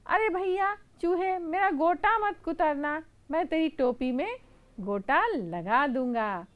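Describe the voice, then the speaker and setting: A woman voicing a rude male trim seller who talks in a curt, shrill, dismissive way, as in a children's storybook reading. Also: animated, takes it slowly, highs cut off, full character voice. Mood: pleading.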